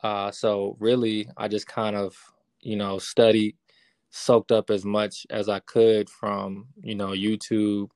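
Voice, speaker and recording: A real estate investor in his thirties answers interview questions in a relaxed, casual manner, using lots of fillers. His voice is lowish and slow, and the recording is dry.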